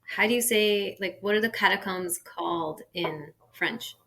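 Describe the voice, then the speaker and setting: A woman in her thirties co-hosting a podcast, chatting casually with quick dry interjections. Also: medium pitch, a bit bright. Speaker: podcast co-host. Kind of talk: casual chat.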